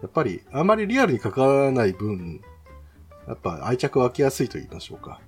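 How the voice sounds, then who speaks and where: Man, lively swooping intonation, chatty polite game host, casual talk, music behind. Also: medium pitch, brisk, husky. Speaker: host talking about mobile games.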